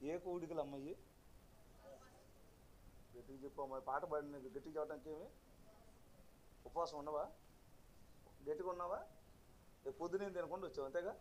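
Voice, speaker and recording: A man's voice: fairly high pitch, brisk, long pauses, a little hiss or hum. A man with a Telugu accent, preaching a sermon as pastor in a church and talking now and then to his congregation. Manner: preaching with sudden loud rises and quiet asides to the congregation. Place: church hall.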